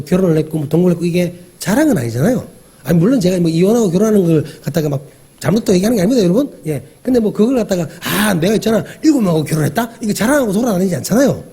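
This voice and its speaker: Here a male pastor delivers a conversational sermon in a high, mellow voice with a breathy edge. Questions to the congregation come often, and he acts out the dialogue he's describing.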